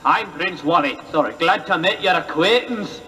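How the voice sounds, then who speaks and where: A man's voice: animated, moderate pace, pushed and bright, far from the mic. Comic prince, put-on Scottish accent, boastful and daft, played by a man; reverby old vinyl sound. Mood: blustering. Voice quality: hammy, shifting pitch, dialect bluster. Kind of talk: comedy sketch record. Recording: old record with hall reverb and hiss.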